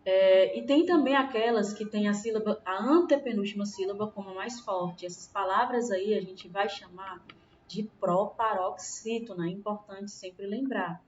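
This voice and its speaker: A woman's voice: mid-range voice, normal speed, darkish tone. A woman with a Brazilian Portuguese accent teaching a primary school class online, patiently checking in with her pupils as she explains. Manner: patient, checks in with frequent tag questions. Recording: roomy, distant, dull lo-fi with faint hiss.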